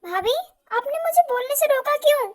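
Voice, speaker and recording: A woman voicing a lively, protective younger sister who chatters excitedly and gets indignant, in an amateur fan audio drama. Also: very high-pitched, normal speed.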